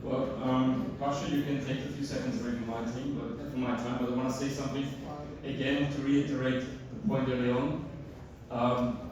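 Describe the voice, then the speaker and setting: Man pitching a hackathon demo, very echoey hall. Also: flat delivery, moderate pace, muffled recording, a crowd in the background. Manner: rhetorical questions to the audience. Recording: echoey hall from far off, noisy.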